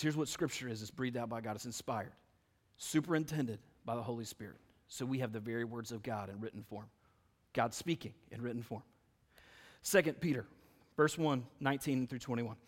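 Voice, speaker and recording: A man's voice: mid-range voice, long reverb tail. A man preaching a sermon, reading scripture aloud and building emphasis with rhetorical questions. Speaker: pastor.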